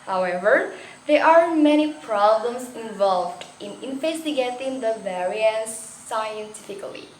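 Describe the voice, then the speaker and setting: A woman's voice: on the high side, animated, a little slow. A young woman from Indonesia, reading a class presentation carefully, with hesitant restarts. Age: young adult. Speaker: student presenter. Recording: echoey room, faint background noise.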